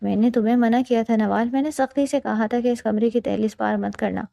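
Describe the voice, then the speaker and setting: A woman's voice: fairly high pitch, steady tone, creaky, dark tone. A woman voicing a stern, protective young husband who speaks in a firm, commanding way in a storybook reading. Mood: angry.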